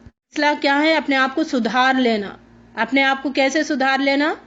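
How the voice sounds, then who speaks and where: High-voiced woman teaching the Quran. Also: a bit bright. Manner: explains verses line by line, acts out pleas and replies. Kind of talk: Quran lesson in Urdu. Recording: dull lo-fi recording.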